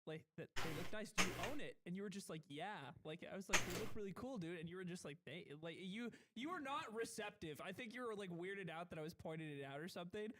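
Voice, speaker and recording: A man's voice: sits high, lively intonation, quick pace, hardly any pauses, pushed and bright, a little hiss or hum. A man in casual chat, rambling through an anecdote and poking fun at himself. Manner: rambling, self-mocking, laughs often.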